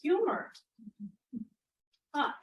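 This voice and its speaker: In a classroom workshop on teaching, a middle-aged woman engages participants by asking questions and echoing their responses. She speaks very slowly, and the sound is lo-fi.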